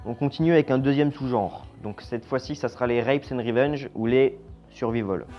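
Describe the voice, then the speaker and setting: A man's voice: mid-range voice, moderate pace. Blunt, slangy man reviewing horror films. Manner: blunt, slangy, trails off quietly at phrase ends. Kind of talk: casual opinionated film review. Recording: slightly dull lo-fi sound with faint music.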